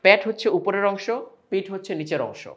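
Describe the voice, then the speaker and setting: A man's voice: sits high, fairly bright tone. Bangladeshi man teaching letter sounds. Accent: Bangladeshi Bengali. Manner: slow drawn-out sample sounds between explanations. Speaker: Quran recitation teacher. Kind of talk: step-by-step pronunciation lesson.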